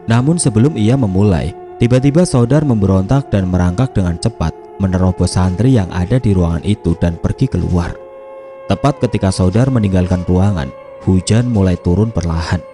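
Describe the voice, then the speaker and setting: A man narrating a scripted horror story in a steady, measured reading. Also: low voice, faint music behind.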